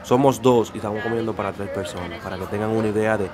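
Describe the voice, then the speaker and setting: Guy vlogging his meal, excited, says stuff twice, loud crowd chatter behind. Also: lowish voice, fast talker. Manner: chatty, enthusiastic, repeats phrases. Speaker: food vlogger. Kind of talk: casual restaurant vlog. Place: busy restaurant.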